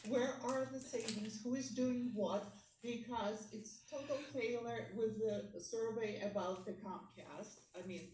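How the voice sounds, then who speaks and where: A woman's voice: a little high, darkish tone. Exasperated woman pleading at a meeting. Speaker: resident speaking at a board meeting. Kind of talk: public comment at a meeting. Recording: echoey room, distant mic, faint noise.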